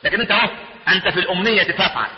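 A man with an Egyptian Arabic accent preaching a sermon in an animated way, asking rhetorical questions and answering them himself. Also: high voice, rapid-fire. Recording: echoey hall with a dull sound.

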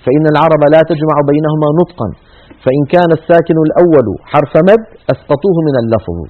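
Man explaining grammar on a televised lesson, brisk, narrow tinny audio. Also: fairly high pitch. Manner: explains slowly, reads examples aloud with emphasis, repeats points. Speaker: teacher. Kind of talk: Quranic Arabic grammar lesson. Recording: tinny phone-like broadcast sound.

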